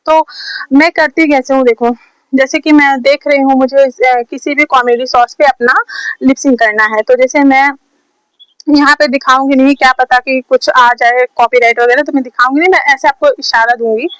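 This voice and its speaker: Chatty high-voiced woman teaching lip sync. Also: fairly even intonation, moderate pace, a bit bright, clean tone, no room sound, rough recording. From India. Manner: chatty, repetitive, drills points over and over. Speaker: short-video creator teaching lip sync. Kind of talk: casual tutorial talk. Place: home, recording herself. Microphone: phone on a stand.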